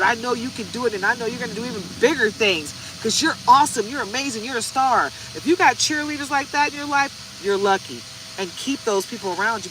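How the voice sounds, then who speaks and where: Her voice on the high side, a tarot card reader in her forties chats casually with her viewers as she does a reading for her vlog. Some background noise can be heard.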